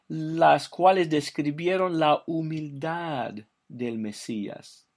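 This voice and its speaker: An older man from the southern United States, a native English speaker, giving a calm, measured recorded Bible lesson for a phone line. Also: on the high side. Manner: calm, measured, reads scripture slowly. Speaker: Bible teacher.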